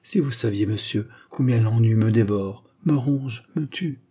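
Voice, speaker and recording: A man's voice: mid-range voice, a little slow, mellow, breathy edge. A man reading an audiobook, voicing a spirited, thrill-seeking young woman with breathless, exclamatory enthusiasm. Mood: dreamy, bored.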